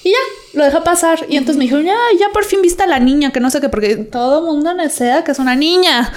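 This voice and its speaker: A young adult woman with a Mexican accent, telling a personal story in a brisk, chatty way among friends. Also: high voice, lively intonation. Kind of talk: casual chat, anecdote telling.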